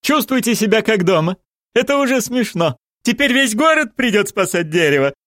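A cheeky, sharp-tongued young woman activist, scornful and loud, her voice leaping high and swooping all over, as a male narrator puts her on in an audiobook. It sounds close and dry. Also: very animated, moderate pace, no room sound. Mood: mocking. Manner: scornful, sarcastic, shouting.

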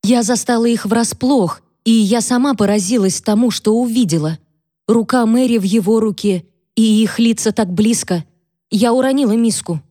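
A woman's voice: medium pitch, moderate pace, dark tone, dry recording, clean studio sound, pitched above the performer's own voice, close to an everyday voice. Brief: timid young servant girl on the stand, hesitant and trembling, voiced by a woman narrator. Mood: fearful, trembling.

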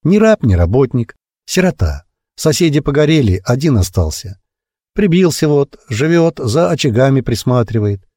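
A man reading aloud plays a bustling wheelwright merchant who waves matters away in short, raised bursts. The pitch lifts well above the reader's own, on a lively, husky, dry audiobook read. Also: no room sound. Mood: dismissive. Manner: dismissive, quick, raised pitch. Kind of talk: audiobook character voice.

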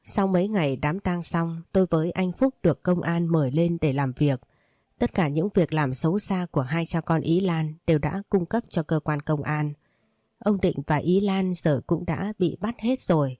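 Low mellow woman reading a story. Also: moderate pace, no room sound, studio quality. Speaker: narrator.

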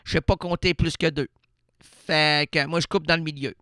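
A man with a Québécois accent, pitched a little high and smooth in tone, rambles through an absurd improvised radio bit. He sounds playful, chuckling at his own jokes, recorded dry and close at a studio mic. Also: steady tone, normal speed, bright, forceful tone, no room sound. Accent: Québécois French. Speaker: radio host.

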